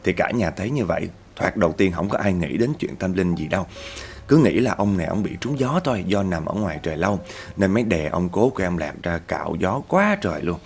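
A man's voice: animated, brisk, soft background music. A man, hosting and narrating a spooky story in a chatty way that talks straight to listeners. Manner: chatty, addresses listeners as "các bạn", rises in pitch at tense moments. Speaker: storyteller host. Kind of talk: spoken ghost story narration.

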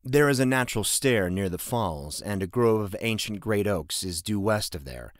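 Man doing a calm, quiet father. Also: fairly low pitch, normal speed, no echo, clean studio sound, lightly acted.

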